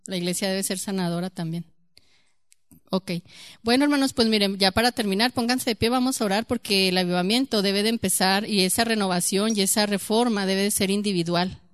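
Leading a church teaching as a Bible study leader, a woman with a medium-pitched voice tells a story and animatedly throws rhetorical questions at her listeners. It's clean studio audio without echo.

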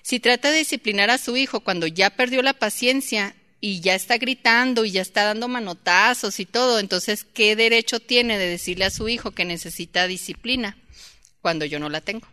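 Woman, church teacher, bright and sharp tone, conversational delivery with audience questions. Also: mid-range voice, moderate pace, clean tone. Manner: acts out shouting mother and child in quotes. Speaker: Bible teacher.

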